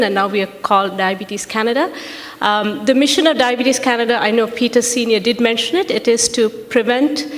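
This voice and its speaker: Female charity representative, slightly high, measured and steady, long hall reverb. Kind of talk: conference interview answers.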